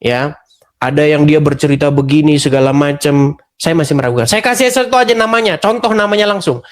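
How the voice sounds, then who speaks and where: A man hosting an interview, speaking in a measured, skeptical way and repeating phrases for emphasis. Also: fairly high pitch. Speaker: host. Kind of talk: conversational interview.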